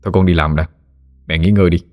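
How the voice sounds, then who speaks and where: A man voicing a poor grieving fisherman father who talks softly and stammers a little. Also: low-pitched, fairly even intonation, quick pace, phone-quality sound, soft background music, lightly acted. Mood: reassuring. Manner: soft, stammering, subdued.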